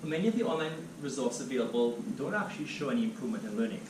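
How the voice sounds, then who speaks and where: A man from Trinidad and Tobago gives an animated, steady academic seminar talk as a guest speaker in a lecture room, his medium-pitched voice racing along. The room is echoey, the mic is distant, and there's background noise.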